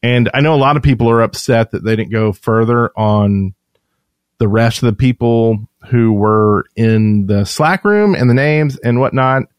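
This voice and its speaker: A man's voice: medium pitch, normal speed, clean tone, no room sound. Rambling chatty man, dry close sound. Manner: rambling, self-correcting, chatty. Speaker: podcast co-host. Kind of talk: casual chat.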